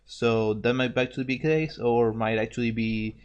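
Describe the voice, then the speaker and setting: A man's voice: medium pitch, fairly even intonation, moderate pace, clean tone, dull audio. A man co-hosting a casual podcast chat, rambling along with restarts, repeated words and offhand swearing. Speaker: podcast co-host discussing a fanfic reading.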